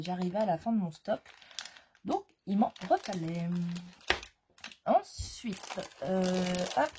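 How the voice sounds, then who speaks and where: Woman crafting vlogger, slow and mellow, chatty with lots of fillers. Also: medium pitch, a little hiss or hum. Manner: chatty, hesitant with frequent fillers. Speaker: scrapbooking vlogger. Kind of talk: casual product haul chat.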